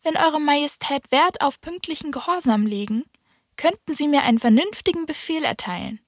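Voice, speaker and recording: A woman reading an audiobook, voicing a small boy prince who asks earnest, insistent questions in a raised, clear voice. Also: high voice, lively intonation, normal speed, no echo, studio quality, pitched above the performer's own voice. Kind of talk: audiobook character voice.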